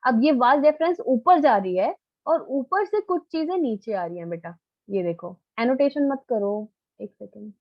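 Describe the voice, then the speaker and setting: A woman's voice: a little high, expressive, unhurried, no room sound, muffled recording. A woman biology teacher giving a live online lecture, coaxing answers out of her students in a familiar, quizzing way.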